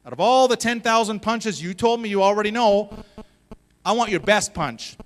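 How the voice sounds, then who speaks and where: A calm, terse old martial arts master giving short commands, as a male storyteller puts him on. The voice is high for a man. It carries the long echo of a big hall. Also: moderate pace. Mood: commanding. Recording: long reverb of a large hall.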